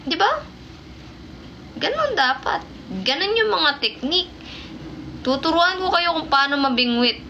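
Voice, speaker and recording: Woman livestream host from the Philippines, teasing, laughs a lot, high pitch, faint background hiss. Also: big pitch swings, unhurried, pauses often, bright, forceful tone, highs cut off. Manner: playful and teasing, laughs often. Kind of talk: casual livestream chat. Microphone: phone mic.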